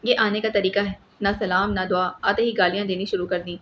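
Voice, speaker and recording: A woman's voice: medium pitch, flat delivery, close to an everyday voice. A woman voicing a sly, playful young man in an audiobook, speaking in a mild, bemused tone. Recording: slightly muffled with faint hiss.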